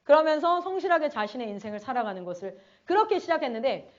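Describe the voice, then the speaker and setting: Woman missionary preaching at a conference, high lively voice, acts out kids' lines, kinda muffled recording. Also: fast. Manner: animated storytelling, acts out students' voices. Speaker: missionary speaker. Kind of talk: conference sermon testimony.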